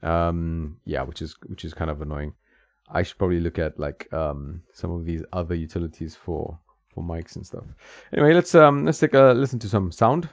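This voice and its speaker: Creaky and low, this man's voice moves at a normal speed with no echo as he streams retro games at home through a desk mic. He chats casually, thinking out loud and dropping many ums and little laughs.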